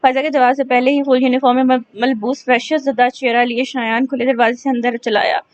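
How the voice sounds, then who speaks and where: A woman narrating a romance novel aloud in a steady storytelling manner, with small slips. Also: high-pitched, a little fast, no room sound. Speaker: audiobook narrator. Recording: dull lo-fi recording.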